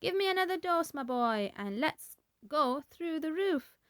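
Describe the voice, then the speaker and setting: Casting: a woman doing a shrieking, batty old granny, high and loud, dry close sound. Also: lively intonation, unhurried, no room sound. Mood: wild, cackling. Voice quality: screechy, shrieking. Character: screechy cranky old grandmother.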